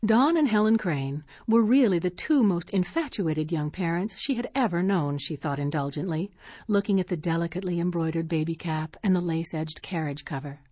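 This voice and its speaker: A woman narrating a short story in a measured, expressive reading. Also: on the low side, dry recording.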